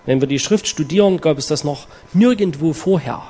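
A male preacher with a fairly high voice delivers a sermon. He reads scripture slowly and earnestly, stresses key words and leaves dramatic pauses before explaining the passage. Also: mellow, husky. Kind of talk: sermon with Bible reading.

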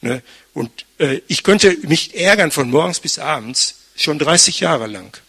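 A man's voice: on the high side, expressive, unhurried, sharp tone, breathy edge. An older man, a pastor, preaching a conversational sermon, frequently tagging his sentences with "ne?". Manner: chatty, frequent tag "ne?".

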